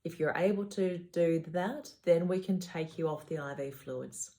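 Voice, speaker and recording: A woman's voice: fairly low pitch, normal speed, warm tone. A woman speaking as a surgeon, giving patients instructional advice in a matter-of-fact, reassuring way.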